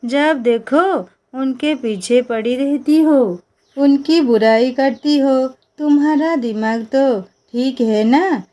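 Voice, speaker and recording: A woman's voice: high-pitched, slow, dark tone. A woman voicing an insistent young husband who defends a holy man, in a storybook reading.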